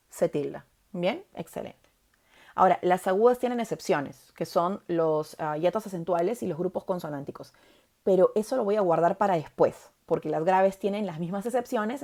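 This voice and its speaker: A woman's voice: mid-range voice, darkish tone. A woman teaching a grammar lesson, stressing key words and often checking in with the listener.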